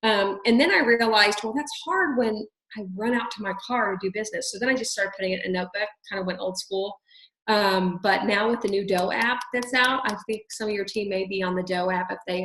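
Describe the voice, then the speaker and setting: A woman's voice: steady tone, fairly quick, a bit bright, roomy sound, rough recording. Bubbly chatty woman on a video call. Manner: chatty, bubbly, acts out quoted sales pitches. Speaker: sales team trainer. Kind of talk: casual video call talk.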